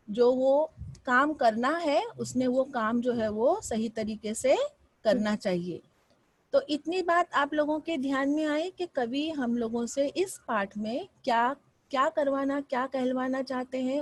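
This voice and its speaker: A woman teaching a class, from Mumbai, speaking with lively rises and falls and often asking her students questions. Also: high voice. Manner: expressive, rising and falling delivery with frequent questions to students. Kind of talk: classroom lesson.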